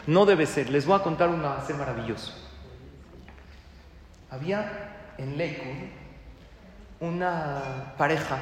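Brief: Mexican rabbi, high-pitched, lively sermon, long hall reverb. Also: male voice. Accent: Mexican Spanish. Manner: animated storytelling, rhetorical questions. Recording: echoey hall with faint noise.

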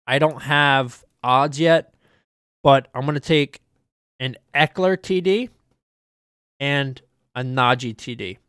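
Fast-talking casual young man. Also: mid-range voice, fairly bright tone, smooth, dry recording, clean studio sound. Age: young adult. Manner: fast, casual, with frequent ums. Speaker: podcast host. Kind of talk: solo sports betting picks rundown.

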